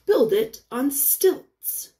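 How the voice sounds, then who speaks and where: Reading a picture book to little kids, this woman in her forties plays the teacher, pausing for questions in a slow, sing-song style. She has a high, mellow voice and sounds very animated.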